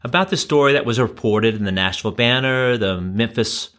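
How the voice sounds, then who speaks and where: A male preacher telling a story from the pulpit, pacing himself with dramatic pauses and bursts. His voice sits in an ordinary middle register and carries an easy storytelling rhythm. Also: medium pitch, fairly bright tone. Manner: measured, dramatic storyteller with varying tempo. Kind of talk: sermon storytelling.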